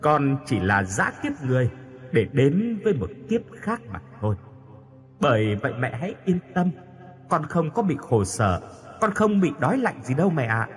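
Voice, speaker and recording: A man reading the part of a young dead daughter's tender spirit, speaking softly and pleadingly. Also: fairly high pitch, very animated, normal speed, soft background music. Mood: soothing. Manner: soft, pleading.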